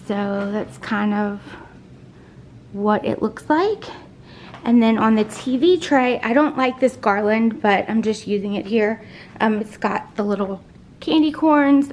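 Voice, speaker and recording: A woman's voice: fairly high pitch, darkish tone, a little hiss or hum, low-quality recording. A woman chatting casually through a tour of her home, upbeat and full of ums. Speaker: home decor vlogger. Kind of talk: casual house tour narration. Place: inside a home.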